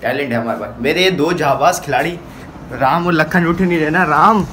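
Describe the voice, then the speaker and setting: A young man from Pakistan with a Karachi Urdu accent, vlogging at home in a chatty, excitable, teasing way. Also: a little high, normal speed, slight background noise. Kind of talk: casual home vlog. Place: family home indoors.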